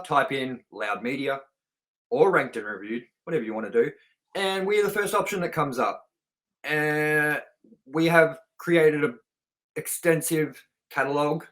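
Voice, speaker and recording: A man with a slightly high voice and a fairly bright tone speaks at a normal pace. He co-hosts a movie review show, chatting casually and unscripted, talking informally and directly to the audience.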